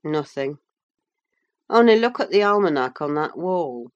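A woman's voice: sits low, lively intonation, measured pace, highs cut off. A woman voicing a sullen, jealous teenage boy with a blunt, insistent manner in a classic novel audiobook. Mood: hurt, insistent. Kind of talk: audiobook character acting.

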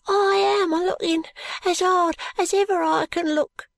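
Brief: woman voicing a scared street urchin boy; breathy, high, halting, dry booth. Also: steady tone, no room sound, exaggerated voice. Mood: bewildered. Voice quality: high, thin and breathy, often half-whispered. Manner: slow, halting, ungrammatical street speech. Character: ragged, frightened young street boy. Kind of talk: audiobook character voice.

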